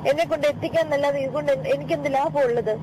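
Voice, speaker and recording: Her voice high-pitched and racing, a woman caller pushes insistently through a tense phone argument, repeating herself in pleading complaint. Vehicle sounds and noise fill the recording.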